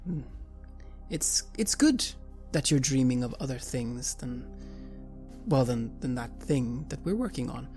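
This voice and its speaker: A woman game master with a very low voice who narrates slowly. She soothes and repeats herself gently, with faint music underneath. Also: animated. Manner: slow, soothing, gently repetitive. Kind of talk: narrating and voicing a kind doctor.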